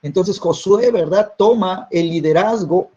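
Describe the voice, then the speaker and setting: Husky preacher man, tag questions everywhere. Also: high voice, a little slow, mellow. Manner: peppers phrases with tag questions; repeats words when restarting. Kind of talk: sermon teaching. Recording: dull lo-fi recording.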